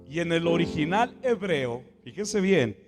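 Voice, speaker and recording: Shouting Mexican pastor in an echoey church. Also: male voice, fairly high pitch, animated, a little slow. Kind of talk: Pentecostal sermon. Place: church hall. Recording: echoey church with guitar playing behind.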